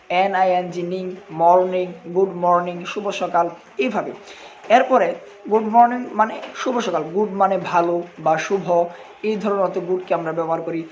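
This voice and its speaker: A man's voice: high-pitched, a little hiss or hum, poor audio. A young man with a Bangladeshi accent, teaching an English lesson in Bengali and spelling words out letter by letter.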